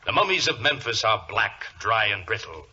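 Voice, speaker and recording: Suave, sharp-voiced Professor Moriarty, old radio villain. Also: male voice, on the low side, big pitch swings, husky, exaggerated voice. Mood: suavely courteous. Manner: polite, deliberate, gloating. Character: suave villainous professor, scheming and menacingly courteous. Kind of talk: 1940s radio drama acting. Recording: muffled, hissy vintage radio recording.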